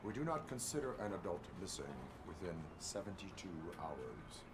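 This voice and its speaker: An actor playing a stern cyborg police officer who speaks in flat, clipped, procedural lines. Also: male voice, deep voice, normal speed, vocal fry, heavily acted. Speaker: police officer at a complaints desk. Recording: video game audio with loud background noise.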